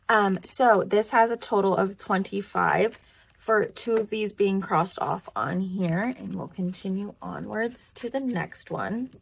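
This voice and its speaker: Working as she talks, this budgeting vlogger rambles casually, thinking out loud and counting under her breath. Her medium-pitched voice has turned croaky and tired from filming for so long, and the narration stays chatty and hands-on.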